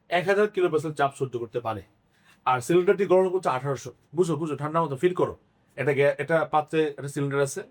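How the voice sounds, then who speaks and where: A man teaching chemistry in a Bangladeshi Bengali accent, asking the class questions and answering them himself. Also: fairly high pitch. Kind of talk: classroom lecture.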